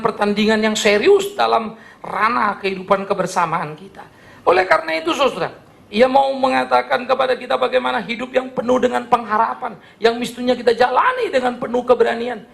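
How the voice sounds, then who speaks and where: Gravelly-voiced man preaching a sermon. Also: extremely high pitch. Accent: Indonesian. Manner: earnest, animated preaching with rhetorical questions. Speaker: pastor. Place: church service.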